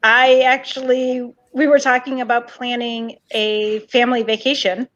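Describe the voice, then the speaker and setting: Excited woman on dull lo-fi call. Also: fairly high pitch, unhurried. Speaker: guest, mother. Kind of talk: casual interview.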